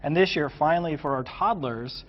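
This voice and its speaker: A man's voice: a little high, a little fast, highs cut off. Enthusiastic man demoing gadgets on TV. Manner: enthusiastic, explains gadgets with fillers. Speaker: tech segment guest. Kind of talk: casual product demo on a TV news set. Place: TV studio set.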